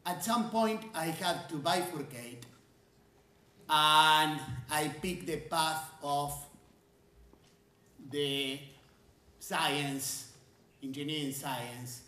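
A man in his sixties from Argentina, an engineering school dean giving a conference keynote on a large stage, measured and emphatic, stretching key words. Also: on the high side, pushed and bright. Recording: roomy hall sound from a distance.

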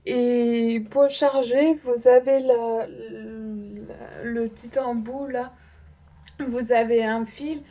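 A woman's voice: a little high, steady tone, extremely slow, warm tone, muffled recording. A young French-speaking woman presenting makeup in a casual vlog, hesitant with many fillers. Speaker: beauty vlogger. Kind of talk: casual show-and-tell vlog.

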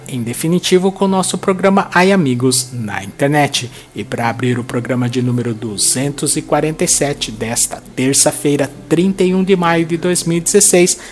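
A Brazilian man in his thirties hosts an internet show, reading event listings in a brisk, upbeat announcer voice. He speaks close into a headset mic in a small studio, with music playing behind him. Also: fairly high pitch. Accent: Brazilian Portuguese. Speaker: host. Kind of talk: web show presenting, reading cultural listings.

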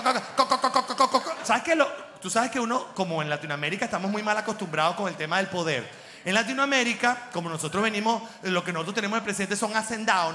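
A man delivering an animated, slangy comic monologue as host, mocking and laughing through his jokes. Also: high voice. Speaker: comedian host. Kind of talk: stand-up style comic monologue. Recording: echoey room with long reverb.

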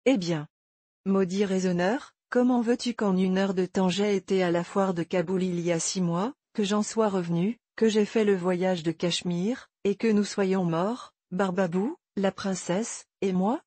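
A woman reads a dying young man in an audiobook, bitter and reproachful. The tone is warm and slightly breathy, recorded dry and close. He pushes his complaints as indignant questions. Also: mid-range voice, steady tone, a little slow, no echo. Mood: exasperated. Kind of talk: audiobook character reading.

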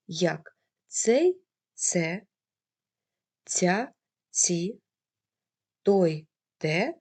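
A woman's voice: fairly low pitch, darkish tone. A woman teacher reading a scripted grammar lesson, carefully saying word forms one by one.

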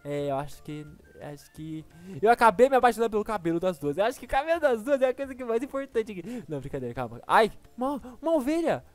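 A man with a Brazilian accent giving excited, exclaiming gameplay commentary as a gaming YouTuber. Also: sits high, quick pace, dry recording, soft background music. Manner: excitable, exclaiming, laughs often.

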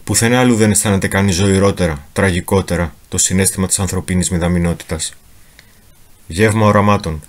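A man with a somewhat low voice reads a memoir aloud in a dramatic literary reading. His delivery is solemn and theatrical, and he even voices the sounds of thunder himself. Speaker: reader of a memoir.

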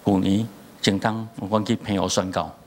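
A middle-aged man from Taiwan with a Taiwanese accent, preaching a church sermon as pastor and telling family stories in a lively way. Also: fairly low pitch, normal speed, a little hiss or hum. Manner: animated storytelling, acting out family dialogue in raised voices.

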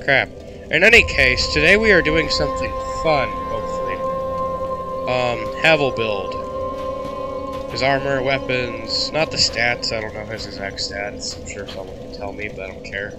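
This gaming YouTuber is a teenage boy whose congested, medium-pitched voice keeps a moderate pace. While playing a video game he trades in sarcastic, mock-grumpy banter and coughs occasionally, with game music playing loudly behind him.

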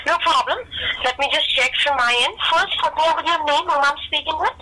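A woman's voice: high voice, fairly quick, noisy background. A woman posing as tech support over a phone line, talking through a scripted support call with fillers and step-by-step instructions. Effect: heard over a phone line.

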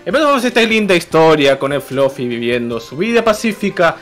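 A man's voice: fairly high pitch, sing-song, brisk, a bit bright, soft background music. A young man with an Argentine accent, presenting a slideshow on a comedy stream, joking crudely and swearing a lot. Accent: Argentine Spanish.

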